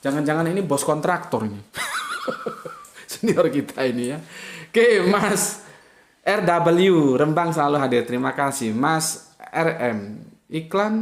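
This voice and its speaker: Joking man in an echoey room. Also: on the high side. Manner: joking, chuckles often, teasing asides. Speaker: online religious talk host. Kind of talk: casual livestream talk, reading viewer comments.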